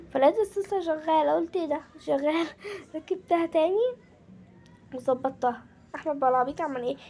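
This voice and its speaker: A woman's voice: high voice, gravelly, dark tone. A woman with an Egyptian Arabic accent narrating a casual home-cleaning vlog, chatting straight to her viewers as a group. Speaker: home vlogger.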